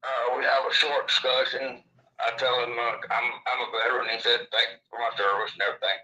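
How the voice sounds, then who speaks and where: A man's voice: mid-range voice, little pitch movement, a little fast, pushed and bright, poor audio. A man with a lisp from missing upper teeth, telling his story in a casual, rambling way. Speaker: interviewee recounting his own experience.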